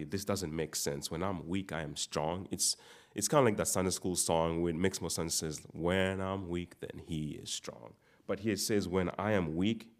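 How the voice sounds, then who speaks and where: A man from Uganda preaching a sermon, repeating words and restarting phrases as he builds emphasis. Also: low-pitched.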